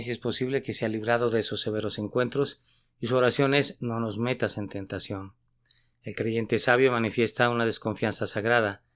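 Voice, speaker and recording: A man reading a sermon aloud with an earnest, measured preaching delivery. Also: mid-range voice, fairly bright tone. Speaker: sermon reader.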